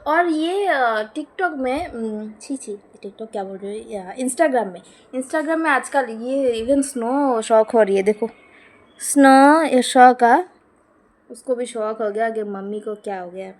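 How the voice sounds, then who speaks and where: A young woman chats to her phone camera in a slightly high, unhurried voice. She rambles through a casual home vlog, giggling and stopping for fillers between thoughts. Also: darkish tone. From West Bengal, India. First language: Bengali. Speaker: lifestyle vlogger.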